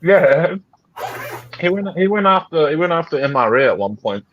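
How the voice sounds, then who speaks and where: A man's voice: on the high side, sing-song, normal speed. Brief: male YouTuber, loose joking banter, slightly dull call audio with faint hiss. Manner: joking, laughs often, talks while eating. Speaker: YouTuber on a live chat. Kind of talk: casual live-stream chat.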